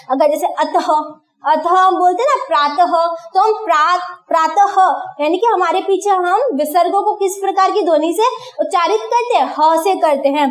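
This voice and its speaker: A woman teacher giving a classroom grammar lesson, asking questions and answering them herself. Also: very high voice. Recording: echoey room.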